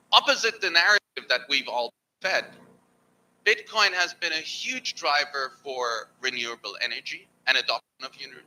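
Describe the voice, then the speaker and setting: A man's voice: a little high, pushed and bright, a little hiss or hum, rough recording. A man from Germany speaking on a panel at an event, emphatic and persuasive. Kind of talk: panel discussion. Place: event hall.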